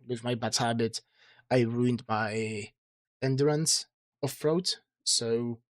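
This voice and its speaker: Tired guy talking slow to his stream chat, throat worn out, rambles and puts himself down, dry close mic. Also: medium pitch, no room sound. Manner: rambling, self-deprecating, with many fillers and restarts. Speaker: streamer reading his own book. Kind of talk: casual livestream chat.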